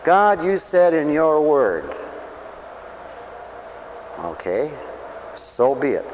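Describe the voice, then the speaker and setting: A man preaching a sermon, swinging between loud calls and low asides and asking the crowd questions. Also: big pitch swings, drawn-out words, highs cut off, a little hiss or hum.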